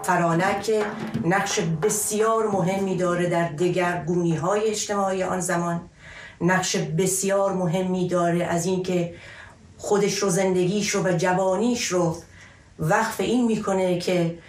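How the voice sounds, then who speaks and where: A middle-aged woman explaining an epic tale to camera as a storyteller, formal, deliberate and emphatic. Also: lowish voice, fairly even intonation. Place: small wood-panelled room at home, indoors. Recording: echoey room.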